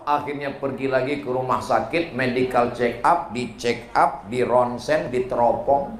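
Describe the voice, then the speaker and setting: A man's voice: medium pitch, a little slow. A male preacher giving a humorous sermon, telling stories with jokes and putting on voices for the people in them. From Indonesia. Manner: animated storytelling, jokes, voices for characters. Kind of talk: humorous sermon with acted dialogue. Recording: echoey hall, faint background noise.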